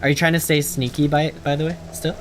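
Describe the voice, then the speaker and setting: A man running a tabletop game as dungeon master, relaxed and casual, laughing often and filling his scene descriptions with ums. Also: a little high, fast, a little hiss or hum.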